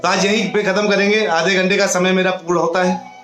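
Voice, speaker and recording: Hoarse high-voiced male preacher. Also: a little fast, reverberant, music in the background. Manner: animated storytelling, acting out quoted voices. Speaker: devotional preacher. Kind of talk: devotional scripture discourse.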